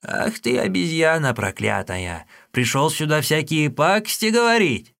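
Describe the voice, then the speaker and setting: A man doing a shrill, scolding old teahouse woman. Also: sing-song, measured pace, gravelly, exaggerated voice. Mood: angry scolding. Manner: scolding, shouting.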